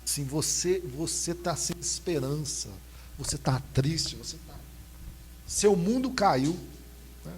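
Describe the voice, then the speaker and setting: A man preaching a sermon in a Brazilian accent, reading scripture slowly and then telling stories animatedly. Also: fairly high pitch, darkish tone, a little hiss or hum. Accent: Brazilian Portuguese. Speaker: pastor. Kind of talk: expository sermon with personal anecdotes.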